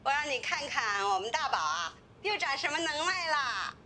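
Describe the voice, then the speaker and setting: A woman's voice: high voice, very animated, normal speed, bright, forceful tone, slight background noise, heavily acted. An actress playing a doting, fussy middle-aged grandmother talking over a video call. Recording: music bed under the dialogue.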